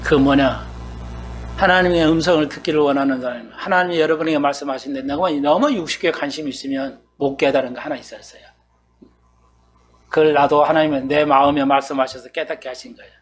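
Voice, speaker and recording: A male pastor preaches an expository sermon conversationally, in a slightly high voice at a fairly quick pace. He often poses questions to his congregation and acts out their answers.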